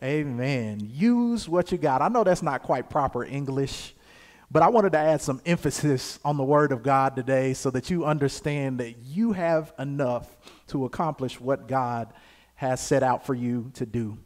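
A young man, preaching a sermon as pastor, moving from calm scripture reading to loud, emphatic exhortation. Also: medium pitch, moderate pace.

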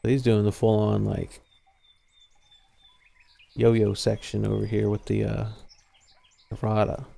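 A young man streams a fishing game over livestream headset audio, his low, mellow voice close to the mic. His speech is gravelly and flat in tone. He explains mechanics in a relaxed, rambling way, full of ums and half-finished thoughts. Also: takes it slowly, pauses often, dry recording. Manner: laid-back, explains as he plays, trails off with fillers. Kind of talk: casual live gameplay commentary.

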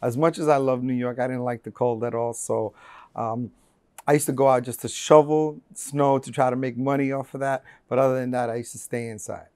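Speaking a little fast with fairly even intonation, a man in his forties from Colombia tells his life story as an interview guest. His mid-range voice is a little mellow and the lapel-mic recording is dry. He's earnest, with frequent fillers and restarts, in a bright, large-windowed room.

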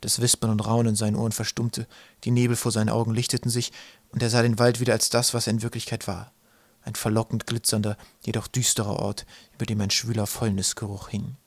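A man reading an audiobook aloud in a measured storytelling manner. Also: on the low side, monotone, no echo. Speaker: audiobook narrator. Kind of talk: scripted narration.

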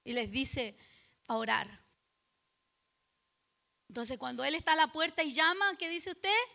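A Chilean woman preaching a sermon at a church service. She is dramatic, questions the congregation directly, and builds to loud, emphatic exhortation. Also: high-pitched, expressive, a little slow, creaky.

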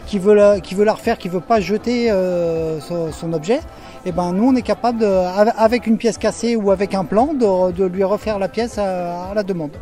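A man's voice: high voice, normal speed, warm tone, soft background music. A man in his forties explaining his machining business eagerly, repeating words, outdoors into a handheld mic. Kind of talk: casual interview answers. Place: outdoor fair in a park. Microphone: handheld mic held by interviewer.

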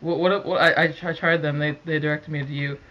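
A man making a prank call over the phone, chatting casually in a halting, repetitive way. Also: fairly high pitch, steady tone. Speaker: prank caller. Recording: dull lo-fi phone call recording.

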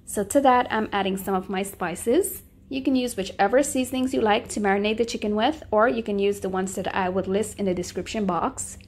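A woman's voice: mid-range voice, steady tone, brisk, few pauses, a little mellow. A woman hosting a cooking channel, giving friendly step-by-step recipe instructions in a voice-over.

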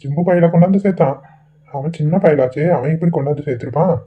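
A man's voice: fairly high pitch, quick pace, breathy edge. A man voicing an ailing, remorseful middle-aged village father in a cartoon, pleading through tearful apologies. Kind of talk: Tamil cartoon voice acting. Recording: tinny phone-like lo-fi audio.

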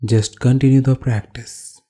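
Guiding a meditation, a yoga teacher speaks with an Indian accent in a medium-pitched voice that has a breathy edge. He gives brief instructions calmly, leaving pauses between phrases.

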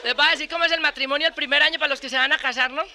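A woman with a Colombian accent telling bawdy jokes briskly on a comedy record. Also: high voice, fairly even intonation, over a noisy crowd, very noisy. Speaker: stand-up comedian.

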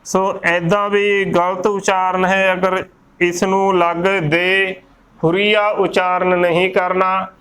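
A Punjabi-accented man gives an unhurried lesson on pronouncing scripture correctly. His voice sits high and smooth, with a steady, level delivery. He spells out each word letter by letter, recorded on a close mic. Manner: spells words letter by letter, repeating correct and wrong forms. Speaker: Gurbani pronunciation teacher. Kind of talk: slow methodical pronunciation lesson.

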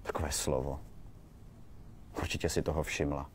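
A man reading a short story aloud in a calm, measured way. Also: rumbling low, breathy edge. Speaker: reader.

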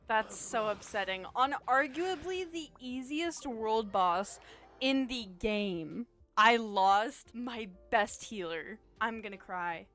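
A woman giving casual gameplay commentary as a streamer, excitable and chatty, talking to the enemies and swinging between panic and cheer. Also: on the high side. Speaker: gaming streamer.

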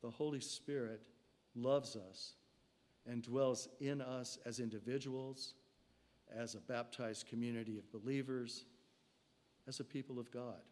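An older man delivers a sermon from a lectern in a church sanctuary. He speaks in slow, measured phrases, and his voice sinks and softens at the close of each line. He is picked up by a stand mic in the sanctuary. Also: medium pitch, steady tone. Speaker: preacher.

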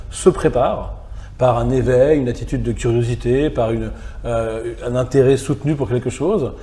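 A middle-aged philosopher guest in a reflective conversational interview thinks aloud in a small gallery salon. His mid-range male voice is warm, and he thoughtfully builds ideas through long clauses.

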